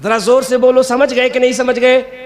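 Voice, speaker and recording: A man giving a sermon to a crowd, telling stories with mocking humor and often shouting. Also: extremely high pitch, flat delivery, normal speed. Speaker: Islamic preacher.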